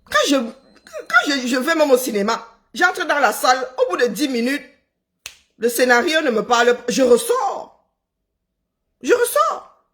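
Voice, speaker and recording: Sarcastic, scolding Cameroonian woman, high-pitched. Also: very animated, normal speed, fairly bright tone. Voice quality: self-described unpleasant voice. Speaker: social media commentator. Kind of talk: live-stream monologue to viewers.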